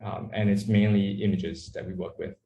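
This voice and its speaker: Born in Malaysia and raised in Australia, this startup founder answers interview questions in a relaxed, rambling way packed with fillers. His voice is low and creaky, and he speaks at a normal speed in an echoey room.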